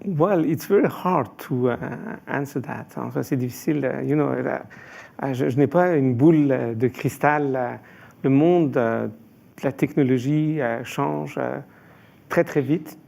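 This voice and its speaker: A man's voice: medium pitch, unhurried, vocal fry, warm tone. A man from Iran answering as an expert panelist, hesitant, with frequent filler sounds and restarts.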